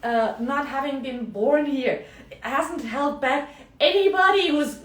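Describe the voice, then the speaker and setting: This is a middle-aged coach from Germany, speaking with a German accent in a chatty live video and often tacking "yeah?" or "right?" onto her lines. Her voice sits high and her pace is slow. The mic is placed far off, so the recording sounds roomy.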